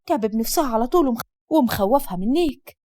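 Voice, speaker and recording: A woman's voice: fairly high pitch, expressive, fast talker, darkish tone, lightly acted. A woman voicing a worried, reproachful mother with an Egyptian accent. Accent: Egyptian Arabic.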